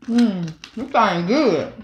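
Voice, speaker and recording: A woman's voice: medium pitch, very slow, slight background noise. Woman talking with a mouthful. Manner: relaxed, drawling, savoring with hums. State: mouth full of pizza. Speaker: mukbang host. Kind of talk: casual eating-show chat. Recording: echoey room.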